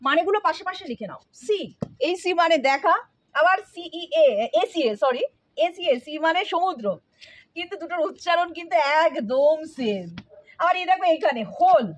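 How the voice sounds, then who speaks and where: A woman giving a casual spoken English lesson, talking straight to her learners and often checking that they follow. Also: extremely high pitch. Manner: familiar, addresses learners directly with frequent checks.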